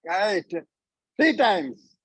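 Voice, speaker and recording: A man's voice: sits high, very animated, extremely slow, husky, dry recording, rough recording. A man in his seventies from Myanmar on a group video call, talking in an effusive, formal and grateful way. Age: 70s. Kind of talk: casual chat.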